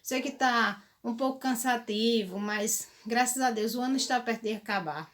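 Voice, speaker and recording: A woman teaching a remote lesson to young children in Brazilian Portuguese. She talks slowly and patiently, spells out syllables and keeps checking that the class follows. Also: on the high side, a bit bright. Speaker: primary school teacher.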